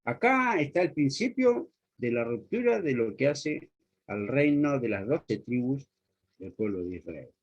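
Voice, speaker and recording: A man's voice: mid-range voice, very animated, a little slow. A man preaching a sermon, speaking earnestly and putting pointed rhetorical questions straight to the listener. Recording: dull lo-fi recording.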